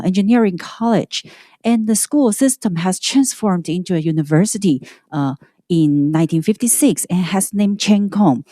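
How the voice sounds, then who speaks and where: A woman speaking through a face mask gives a halting prepared presentation as a hospital representative, with frequent stumbles and self-corrections. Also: on the low side, warm tone, no room sound, clean studio sound. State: sick.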